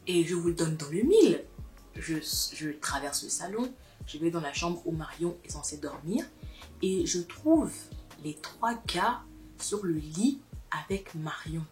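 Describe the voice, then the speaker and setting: Young woman, storytime vlogger, animated and emphatic, slightly low voice, faint music behind. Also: a little slow. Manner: animated, emphatic, repeats herself. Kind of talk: casual storytelling to camera.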